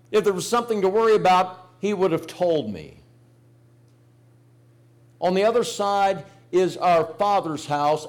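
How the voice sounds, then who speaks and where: Older male preacher, folksy and emphatic. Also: high voice. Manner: folksy storytelling with emphatic rises. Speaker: pastor. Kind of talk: sermon.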